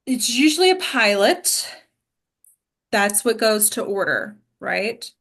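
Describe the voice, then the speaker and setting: A woman acting coach teaches in a relaxed question-and-answer format, being direct and instructive and often tossing in short tag questions to check that she's understood. Her voice sits on the high side, with a sing-song lilt, a slow pace and a fairly bright tone.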